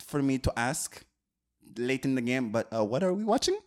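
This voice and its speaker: A man playing a self-important, fake French film director in an improvised comedy bit, talking in halting, repetitive, deadpan boasts. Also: medium pitch, lightly acted. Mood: deadpan boastful. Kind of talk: improvised comedy role-play.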